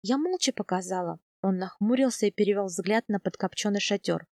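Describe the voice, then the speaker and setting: A woman narrating a first-person novel as an audiobook, expressive and animated in the heroine's lines. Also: mid-range voice, fairly quick, no room sound, clean studio sound.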